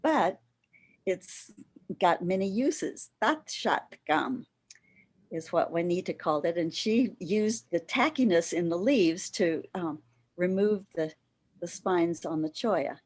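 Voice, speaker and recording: A middle-aged woman giving an explanatory workshop talk on a video call, unhurried and warm with occasional soft laughs. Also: on the low side, expressive. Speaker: workshop presenter. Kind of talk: educational talk on plant foods.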